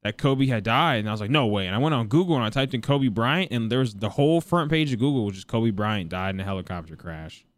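A young man co-hosting a casual podcast, telling stories with a joking tone. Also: lowish voice. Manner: fast, joking storyteller. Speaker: podcast co-host. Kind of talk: casual chat.

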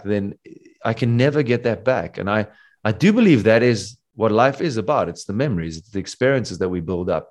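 A man's voice: lowish voice, darkish tone. A man in his forties hosting a podcast, talking earnestly and philosophically about parenting and being present. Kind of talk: reflective casual chat.

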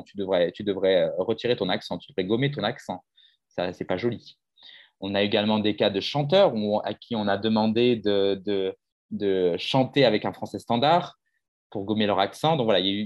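A man teaching a French conversation class, explaining at length and putting questions to his students. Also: lowish voice.

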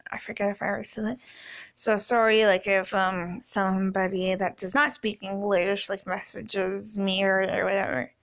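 Speaking at a typical mid pitch in a level tone, a twenty-something Canadian podcast host opens her solo show loosely and without a script. She rambles, filling gaps with plenty of ums and likes.

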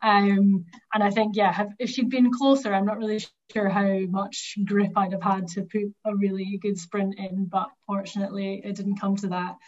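A woman speaks in a Highland Scottish accent at a medium pitch. She is chatty and thinks aloud as she answers in a casual interview. The recording is a little dull and lo-fi. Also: flat delivery, moderate pace, few pauses, a little mellow. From Highlands of Scotland. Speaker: cross country runner being interviewed.

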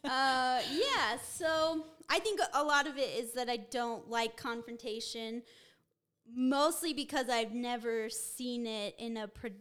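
A woman's voice: a little high, takes it slowly, fairly bright tone, clean tone. A woman talking candidly in a casual group chat, laughing often.

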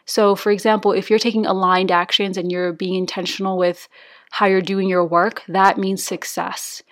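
A woman speaking in a soft, earnest, confessional way, giving a reflective personal monologue as a host. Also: medium pitch, level tone, moderate pace.

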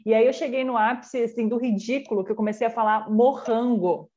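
A woman's voice: fairly high pitch, fairly even intonation, quick pace, darkish tone, muffled recording. A woman from the south of Brazil, chatting casually as podcast co-host and telling a personal anecdote. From Rio Grande do Sul, Brazil. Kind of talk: casual chat.

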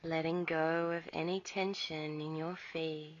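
Slow, soothing woman guiding meditation. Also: deep voice, level tone. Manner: soft, slow, soothing delivery. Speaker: meditation guide. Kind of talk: guided relaxation meditation. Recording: dull lo-fi recording.

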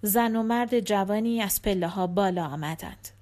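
A woman reading a short story aloud in a calm, measured narrating voice. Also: mid-range voice. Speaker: audiobook narrator. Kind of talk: scripted narration.

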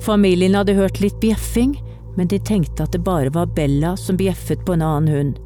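A woman reading a children's storybook aloud in a clear, steady way. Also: lowish voice, soft background music. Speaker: narrator.

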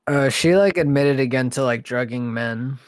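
A man's voice: medium pitch, normal speed, no echo. A young man hosting a casual podcast chat, talking in a loose, rambling, slangy way. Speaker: podcast host.

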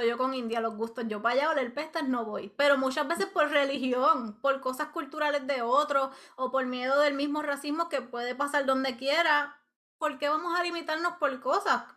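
A woman's voice: high-pitched, pushed and bright. A woman in casual chat, talkative and asking her guest questions.

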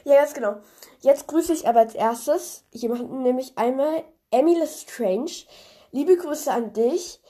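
With a high but dark-toned voice at a measured pace, the young podcast host retells a fairy tale while stuffed up from a cold, sounding nasal and chatting loosely with many fillers.

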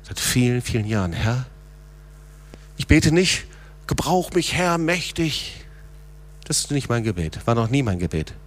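A middle-aged man preaching a sermon, moving between quiet low passages and raised, urgent calls. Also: big pitch swings, a little slow, pauses often.

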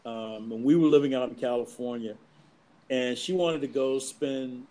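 A man in his fifties with a mid-range voice shares memories in an unhurried, reflective way. He comes from the US East Coast and speaks as a guest in a relaxed conversation, pausing to think as he goes. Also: mid-range voice, poor audio. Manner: reflective, measured storyteller. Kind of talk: casual conversation, personal storytelling.

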